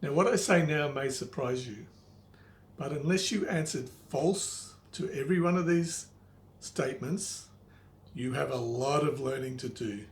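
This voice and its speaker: A man's voice: medium pitch, measured pace. An older man giving a motivational lesson straight to the listener like a wise old mentor, plain-spoken and didactic, repeating key phrases for emphasis. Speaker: money coach, presenter. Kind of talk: motivational instructional monologue to the viewer. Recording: echoey room, faint background noise.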